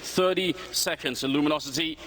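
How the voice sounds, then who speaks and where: A man's voice: on the high side, a little fast, slight background noise. A man giving running commentary on a match as an esports caster. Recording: loud game gunfire behind voice. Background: gunfire from a video game.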